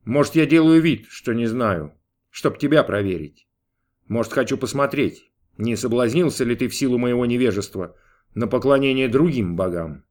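A man's voice: medium pitch, expressive, normal speed, a little mellow, natural voice. A man voicing a grumpy, imperious old God. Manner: snapping, grumbling, mocking. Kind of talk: audiobook character voice.

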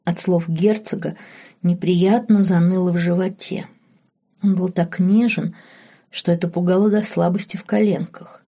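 A woman narrating a romance novel audiobook in a measured, softly expressive way. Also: fairly low pitch.

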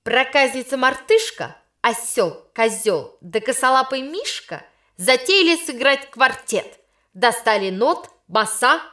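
A woman's voice: sits high, expressive, a little slow, bright, forceful tone, exaggerated voice. Woman doing a defiant schoolgirl. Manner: bold, defiant. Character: insolent schoolgirl reciting boldly.

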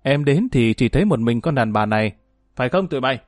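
A man's voice: medium pitch, lively intonation, fairly quick, dry recording, lightly acted. A man voicing a sly, cruel male gang boss who taunts with false politeness, recorded dry. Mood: smug taunting.

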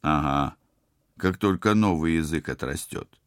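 A man's voice: very deep voice, unhurried, dry recording, clean studio sound. A man voicing a sardonic young male starship pilot in an audiobook, sarcastic and grumbling.

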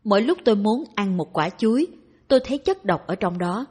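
A woman reading a dharma talk aloud in a calm, even narration. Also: mid-range voice, a little fast, husky. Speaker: reader of dharma talks.

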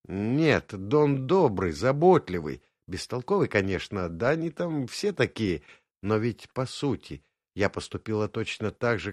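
A man's voice: mid-range voice, no room sound, studio quality. A man voicing a frank, thoughtful young woman in an audiobook, candid and wry.

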